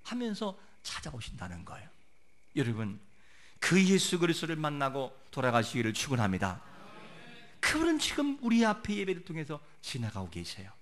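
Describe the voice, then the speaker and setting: A man delivering an emphatic sermon as pastor, his voice pitched high and sharp-edged. He leans on rhetorical questions and moves between quiet passages and loud peaks. His pitch rises and falls widely. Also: wildly swooping pitch, a little fast.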